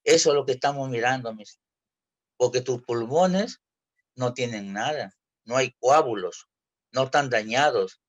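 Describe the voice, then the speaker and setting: A man from Peru, giving an earnest personal testimony in church, halting and full of restarts. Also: medium pitch. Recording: dull lo-fi church recording.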